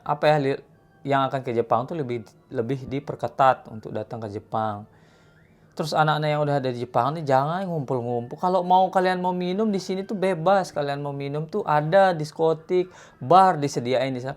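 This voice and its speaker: Earnest Indonesian man lecturing viewers. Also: a little high. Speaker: vlogger living in Japan. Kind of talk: casual commentary vlog.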